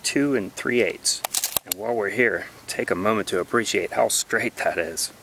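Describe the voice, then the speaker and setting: A man's voice: fairly low pitch, normal speed, gravelly, noisy background. A man hosting a hands-on woodworking demonstration, explaining his technique in a practical, thinking-aloud way with small restarts, recorded on the camera mic outdoors and then in a garage. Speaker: woodworking channel host.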